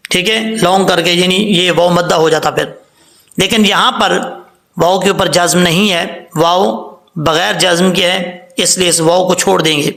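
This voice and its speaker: A man teaching Quran recitation, patiently spelling out syllables slowly and chanting the verses. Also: high-pitched, gravelly, fairly bright tone. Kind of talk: tajweed lesson, spelling out and reciting words slowly.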